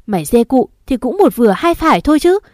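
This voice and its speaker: A woman's voice: sits high, very animated, quick pace, dry recording, clean studio sound, pitched above the performer's own voice. A woman voicing an old, injured wife crying out shrilly in pain and despair. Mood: anguished.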